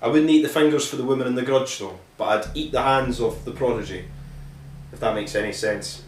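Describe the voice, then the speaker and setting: A man's voice: mid-range voice, a little fast. Brief: male host, casual sweary film reviewer, echoey room, faint hiss. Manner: sweary, rambling, jokey. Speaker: podcast host reviewing films.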